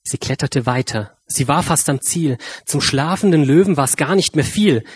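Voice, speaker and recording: A man reading a rhyming children's story aloud with a lively, drawn-out delivery. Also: on the high side, husky, no room sound.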